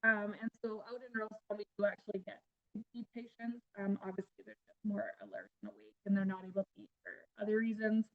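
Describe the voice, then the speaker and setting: A woman's voice: medium pitch, flat delivery, fast. Woman, dietitian presenting, casual, filler-heavy, remote call mic, voice cutting in and out, muffled lo-fi sound. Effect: voice cutting in and out on a call connection. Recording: dull lo-fi call audio dropping out.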